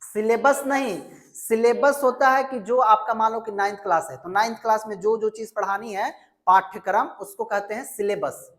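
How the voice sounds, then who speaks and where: A woman's voice: a little high, normal speed. A woman teaching an English grammar lesson, asking questions and answering them herself, and stretching out example words. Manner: drills with repeated questions and answers.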